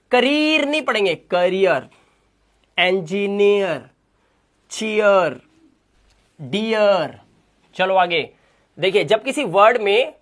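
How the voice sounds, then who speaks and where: Teacher, phonics lesson, slow drilled syllables, repeated example words. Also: mid-range voice, a bit bright. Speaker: English teacher.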